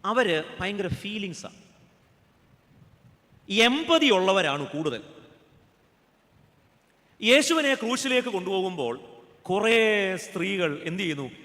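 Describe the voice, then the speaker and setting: A man's voice: high voice, very animated, slow, long pauses, sharp tone, long reverb tail. A man, a pastor with a Keralan accent, giving a humorous sermon, joking and asking the audience questions. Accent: Keralan Malayalam.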